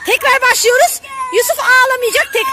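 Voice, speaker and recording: A woman's voice: very high voice, fairly quick. A mother calling out to her children by a pool during a game, coaxing and cheering them on. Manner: coaxing, calls out to the kids. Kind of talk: family vlog game narration. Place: outdoors by a pool. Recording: noisy outdoor recording.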